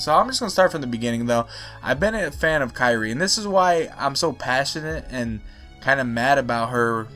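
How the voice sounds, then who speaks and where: A young man giving casual video-game commentary as a YouTuber. He rants with passion and gets louder and higher when he is annoyed. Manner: passionate, ranting, swings loud and high when annoyed. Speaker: gaming YouTuber. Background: faint music.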